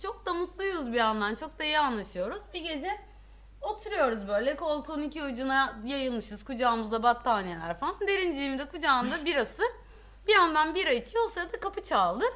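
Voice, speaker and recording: A young woman co-hosting a podcast, telling stories with animated, acted-out quotes in casual chat. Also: sits high, moderate pace. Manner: animated storytelling, acts out quotes. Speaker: podcast co-host.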